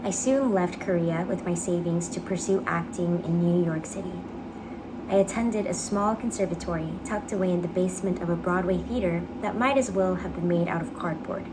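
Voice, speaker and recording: Clear background noise surrounds a young woman with a fairly low voice. She reads a personal essay aloud as a dramatic piece. Her phrasing is earnest, measured and careful. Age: young adult. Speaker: actor reading own application essay. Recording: clearly noisy background ambience.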